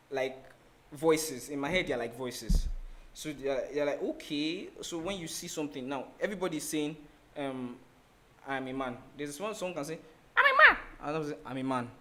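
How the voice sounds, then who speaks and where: A man teaching a design lesson over a screen share. He explains in a loose, rambling way, restarting sentences and leaning on "like" as he thinks. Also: medium pitch. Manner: rambling, with many restarts and "like" fillers. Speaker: design instructor.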